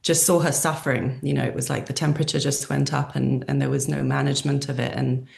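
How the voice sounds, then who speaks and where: Low gravelly woman from zambia hosting a chat, soft and hesitant, lots of ums. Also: little pitch movement, fast. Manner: gentle, hesitant with frequent ums. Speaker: interviewer and host. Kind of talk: conversational interview.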